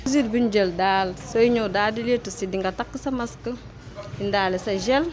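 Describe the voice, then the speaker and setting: A woman's voice: medium pitch, moderate pace. Young woman from Senegal, hairdresser, insistent explainer, mid voice, noisy salon, close handheld mic. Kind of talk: street interview. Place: hair salon, indoors. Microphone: handheld mic held close. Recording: clear background noise.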